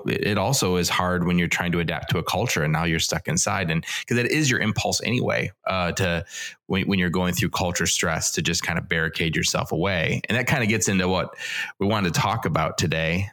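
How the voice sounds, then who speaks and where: Man, Wisconsin accent, deep voice, podcast co-host, friendly, easygoing. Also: brisk, a bit bright. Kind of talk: casual interview talk.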